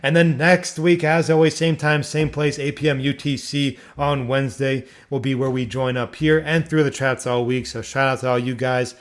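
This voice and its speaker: A man's voice: medium pitch, flat delivery, moderate pace, hardly any pauses. Philly guy hosting a casual online q&a, rambles a lot, restarts words, medium voice. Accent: Philadelphia. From Philadelphia, Pennsylvania. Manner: rambling, repeats words, lots of fillers. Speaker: community AMA host. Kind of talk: casual community livestream talk.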